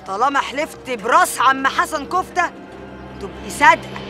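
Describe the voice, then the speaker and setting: A woman's voice: high voice, lively intonation, normal speed, music in the background, a crowd in the background. A wry, worried Egyptian woman. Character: worried poor woman, teasing friend.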